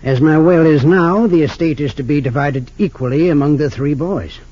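An actor in a 1940s-50s radio drama plays a wealthy, suspicious 68-year-old father who is bitter about his sons. His voice is on the high side yet dark in tone, lightly acted, earnest and slightly halting, with a bitter, suspicious mood, all on a dull lo-fi old radio recording.

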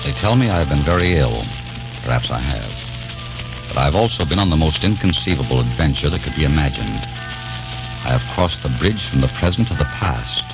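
In an old 1940s radio drama, an actor plays a young American man obsessed with the past, narrating earnestly in a heavily acted style. His rumbling low voice is creaky, animated and a little fast, with music behind him. The recording sounds dull and dated.

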